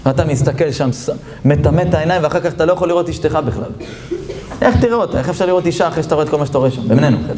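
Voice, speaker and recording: Animated male rabbi preacher. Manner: animated, jumps into character voices and high exclamations; chuckles while talking. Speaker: rabbi giving a Torah lesson. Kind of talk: lively sermon with storytelling.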